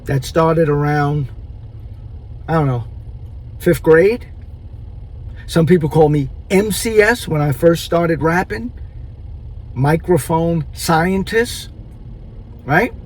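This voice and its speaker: A man vlogging in a casual monologue, chewing gum, talking with drawn-out rhetorical asides. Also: on the high side, a little mellow, poor audio.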